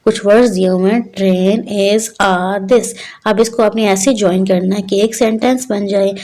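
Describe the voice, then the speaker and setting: A woman teaches a children's English lesson at an unhurried pace. She reads each English sentence slowly, then breaks it down for the kids. Her voice is mellow and on the darker side. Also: mid-range voice, fairly even intonation. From Pakistan. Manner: addresses children as "beta" and "bachche". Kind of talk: classroom lesson explanation.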